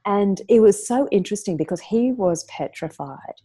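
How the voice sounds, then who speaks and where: A woman's voice: medium pitch, normal speed. A woman, a podcast guest telling an intense story in casual chat. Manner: animated, intense storytelling with laughs.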